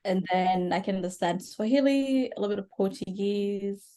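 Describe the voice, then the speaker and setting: Speaking at normal speed with a warm tone and medium pitch, a young woman from Rwanda whose native language is Kinyarwanda chats casually as a podcast guest. She talks earnestly, as if thinking out loud.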